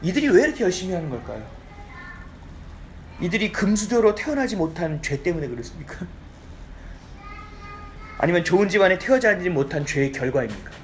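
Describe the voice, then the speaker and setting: A man's voice: sits high, fairly quick, long pauses, soft background music. A man preaching a conversational sermon in a church, often checking for the congregation's agreement. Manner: lively, keeps asking the congregation for agreement. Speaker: pastor. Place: church sanctuary.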